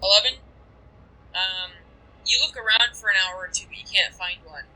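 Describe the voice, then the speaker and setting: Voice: mid-range voice, normal speed, sharp tone, low-quality recording. A game master narrating a tabletop game in a rambling, chatty way, full of fillers and asides.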